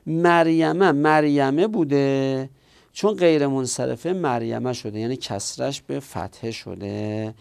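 Gravelly-voiced man teaching grammar. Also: mid-range voice, mellow, dry recording, studio quality. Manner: explains step by step, asks and answers his own questions. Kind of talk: classroom grammar lesson.

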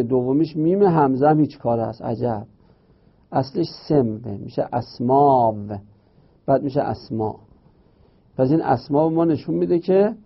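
A man's voice: mid-range voice, vocal fry. A man teaching a grammar lesson, explaining step by step and asking and answering his own questions. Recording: dull lo-fi recording.

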